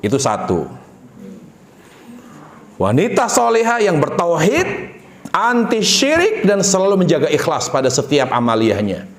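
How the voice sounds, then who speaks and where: A man from Indonesia giving a sermon, animated and asking the congregation questions. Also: on the high side, unhurried, pauses often, echoey room. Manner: animated, asks the audience questions. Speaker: preacher.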